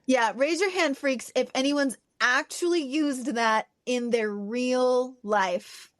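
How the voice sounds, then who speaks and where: A woman co-hosting a podcast, a former teacher with a somewhat high voice. She talks in an animated way, laughing often and acting out quotes. The recording is close and dry. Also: takes it slowly, dry recording. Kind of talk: casual chat.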